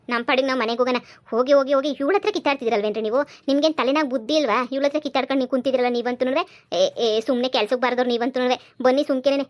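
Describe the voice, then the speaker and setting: Woman playing a sharp-tongued village wife. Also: high-pitched, close to an everyday voice. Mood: taunting. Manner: taunting, scolding, exclaims often. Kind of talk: village comedy skit.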